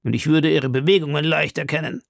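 A man voicing an eager, blunt male harpooner who exclaims excitedly in an audiobook reading. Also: fairly high pitch, brisk, gravelly, dry recording, studio quality, pitched above the performer's own voice. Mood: insistent.

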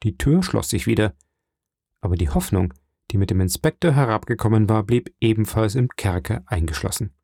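Male narrator, audiobook reading, gravelly voice, dry close sound. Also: fairly low pitch, expressive, normal speed, mellow, dry recording.

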